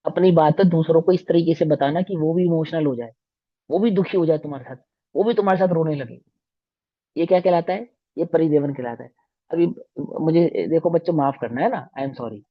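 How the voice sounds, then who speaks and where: A man teaching a religious lesson to children, telling stories with animated delivery and often asking the class questions. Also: fairly high pitch, fairly quick, muffled recording.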